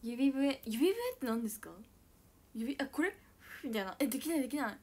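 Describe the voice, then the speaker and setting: A young woman with a high, bright voice and a chats casually with viewers on her livestream. She is bubbly and giggly, and she talks loudly. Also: fairly quick. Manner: giggly, bubbly, frequent laughter; self-describedly loud voice. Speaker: idol livestreamer. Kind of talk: casual chat reading viewer comments.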